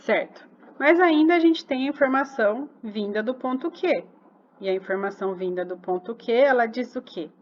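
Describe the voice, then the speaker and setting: A woman's voice: fairly high pitch, moderate pace, lo-fi sound. A woman explaining a math exercise step by step, patient and asking rhetorical questions as she goes. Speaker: math teacher.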